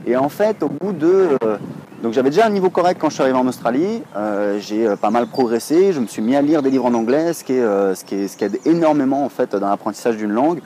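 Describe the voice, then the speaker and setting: French guy in his 30s vlogging outside in the city, mellow low-key voice, lots of ums, faint street noise. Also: lively intonation, fast talker. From France. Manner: chatty, rambling, many hesitations. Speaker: online English teacher, blogger. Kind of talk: casual to-camera vlog.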